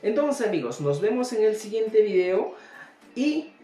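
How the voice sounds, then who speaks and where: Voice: mid-range voice, big pitch swings, a little slow, mellow. A language teacher giving a recorded video lesson, drilling words one at a time and often checking in with the class. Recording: roomy echo with faint background music.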